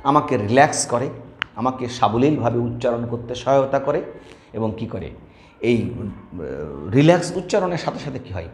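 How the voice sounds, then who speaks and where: Male teacher, video lesson, animated delivery, roomy sound. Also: medium pitch, normal speed, long pauses, slight background noise. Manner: explanatory, asks students to repeat words aloud. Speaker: Bengali grammar teacher. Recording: echoey room.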